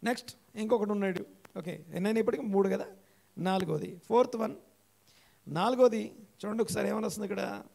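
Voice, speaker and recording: A male pastor with a high voice and a gravelly edge preaching an interactive church sermon. He repeats key phrases to drive them home and keeps putting questions to his listeners. He slows down and lifts his voice when he reads scripture aloud. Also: darkish tone. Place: church hall.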